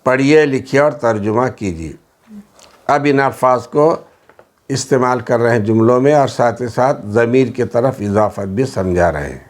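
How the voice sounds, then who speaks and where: A man with a Hyderabadi Urdu accent teaching a classroom lesson, repeating each word and its meaning in a steady drill with English words mixed in. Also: mid-range voice. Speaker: Arabic teacher.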